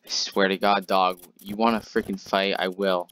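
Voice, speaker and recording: A young man hosting a gaming channel, giving let's-play commentary in a jumpy, excitable way, yelping and trash-talking the monster. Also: low voice, moderate pace, noisy background. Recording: loud game sounds with crickets behind.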